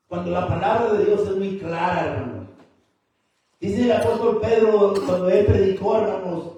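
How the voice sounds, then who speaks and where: A man's voice: high voice, mellow. A man preaching a sermon to his church, emphatic, who keeps calling his listeners brother. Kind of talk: Spanish-language church sermon. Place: church hall. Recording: very echoey hall, mic far off.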